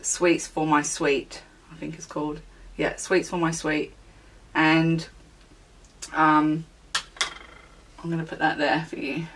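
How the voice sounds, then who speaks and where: A woman beauty vlogger in a relaxed, chatty product review, with plenty of ums and small self-corrections. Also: low-pitched, slow pace, pauses often, recorded from a distance, a little hiss or hum. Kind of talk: casual product review chat.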